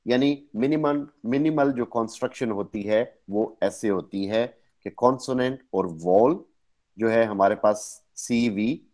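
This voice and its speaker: A man with a Pakistani accent gives an online lecture, explaining things step by step and correcting his own slips as he goes. His voice is fairly low with a darkish tone.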